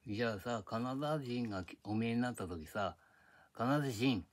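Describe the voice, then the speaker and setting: Speaking fairly quickly in a mid-range voice, an older man from Japan rambles through a chatty, grumbling vlog monologue. He drifts from topic to topic, recording at home with a tablet microphone.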